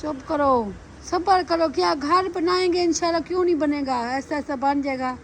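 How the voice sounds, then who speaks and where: A woman's voice: high voice, normal speed, a little hiss or hum. A woman from Pakistan filming a casual family vlog at home, talking a lot, comforting a crying relative and directing the children. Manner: talkative, comforting and directing others. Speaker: vlogger.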